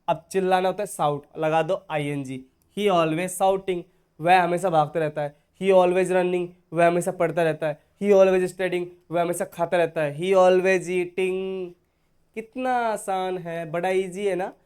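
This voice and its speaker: Guy teaching english online, high voice, super smooth, keeps asking students "okay?". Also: darkish tone. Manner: explains step by step, often checking in with "okay?"; addresses viewers as dear students. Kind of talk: online spoken-English lesson.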